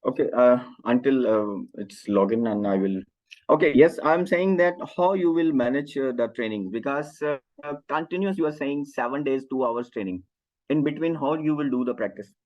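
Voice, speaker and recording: A man giving informal software training, speaking in a halting, hesitant way with phrasing. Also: medium pitch, expressive. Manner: halting, hesitant non-native English phrasing. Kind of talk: informal online training session. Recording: dull, lo-fi online call audio.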